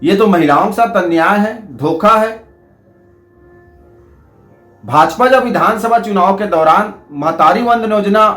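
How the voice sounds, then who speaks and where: High-voiced man making accusations. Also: fairly bright tone, echoey room. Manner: accusing, emphatic. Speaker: opposition party spokesperson. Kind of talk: political statement to press.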